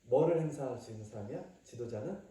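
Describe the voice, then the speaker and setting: A man's voice: mid-range voice, lively intonation, fast talker, far from the mic. Man preaching in a very echoey hall. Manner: coaxing, question-asking, acts out shouting. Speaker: pastor. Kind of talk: family sermon with questions to children. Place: church hall.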